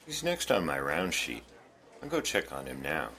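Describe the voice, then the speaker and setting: An actor playing a senior psychiatrist in an audio drama. His voice is low, with wide swings of intonation. He questions in a measured, probing way. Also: huge pitch swings, music in the background, exaggerated voice. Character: calm, probing male psychiatrist in charge.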